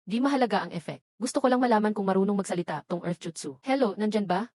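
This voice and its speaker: A woman's voice: medium pitch, expressive, fast talker, darkish tone, no echo. A woman reading all the roles of a dubbed short drama in one voice.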